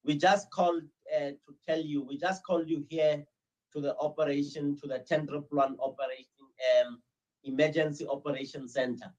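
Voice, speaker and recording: A South African man answering as an interview guest, telling anecdotes with frequent "uh" pauses. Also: on the high side, lo-fi sound. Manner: hesitant, many "uh"s, steady storytelling. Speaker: interview guest, crime-prevention ambassador.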